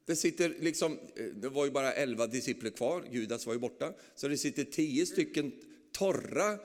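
A man's voice: mid-range voice, expressive. A man preaching a sermon, telling the story animatedly with frequent tag questions. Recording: long reverb of a large hall.

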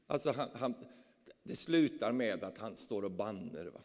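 Man preaching, keeps asking "right?", super lively, echoey hall. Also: lowish voice. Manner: animated storytelling, tag questions. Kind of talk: sermon. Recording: long reverb of a large hall.

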